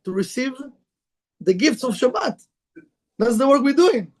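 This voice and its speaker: Guy with a pretty high voice giving a casual spiritual talk, broken english, keeps asking the room stuff. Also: big pitch swings, unhurried. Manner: conversational, broken English, asks the room questions. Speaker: Kabbalah teacher. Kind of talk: informal spiritual lecture to a live group.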